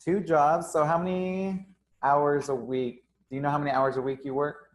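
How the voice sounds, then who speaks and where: Casual and upbeat, a young gym owner hosts a live interview, frequently filling gaps with um and uh. He keeps a moderate pace, and his fairly high voice shows little pitch movement.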